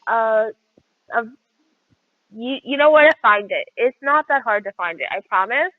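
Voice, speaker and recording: A woman co-hosts a podcast in casual chat, trailing off and poking fun at herself. Her voice sits fairly high and sounds dry. It comes through a tinny, phone-like call line. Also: lively intonation, unhurried, no room sound. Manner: rambling, self-deprecating. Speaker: podcast co-host.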